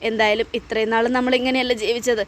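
A woman's voice: on the high side, flat delivery, fast, a little hiss or hum, lightly acted. A woman voicing a grieving middle-aged mother who tearfully confesses a painful secret and apologizes. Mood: confessing.

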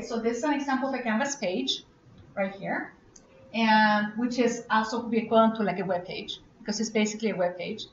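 A woman leads a workshop session, chatting with the audience and often checking in with them. Her voice sits a little high and bounces around a reverberant room. The sound is slightly muffled, with a faint hiss underneath. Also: a bit bright. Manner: chatty, asks audience questions, laughs often. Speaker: conference presenter. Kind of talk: live workshop presentation. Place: conference room. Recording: echoey, muffled room recording.

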